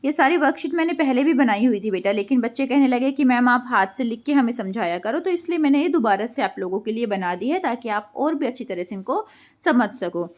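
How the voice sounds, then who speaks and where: A woman teacher walks her pupils through a worksheet, saying each word form in turn and asking the children what comes next. Her voice sits a little high, and her manner stays patient and encouraging. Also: lively intonation, brisk. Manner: patient, drills word forms and addresses pupils as "beta". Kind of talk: worksheet lesson for schoolchildren.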